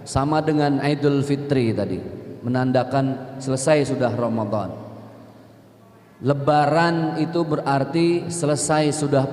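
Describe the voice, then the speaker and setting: A man's voice: mid-range voice, darkish tone. Man preaching in an echoey hall. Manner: chatty, jokes with the audience, asks them questions. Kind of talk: lively religious talk to a congregation. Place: gathering hall. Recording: echoey hall with long reverb.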